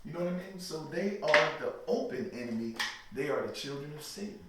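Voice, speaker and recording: With a fairly high pitch, lively intonation, and a fairly quick pace, this man answers interview questions. His emphatic religious talk turns preachy, and he often checks "you know what I mean." Audio is echoey, lightly noisy, and recorded from a distance.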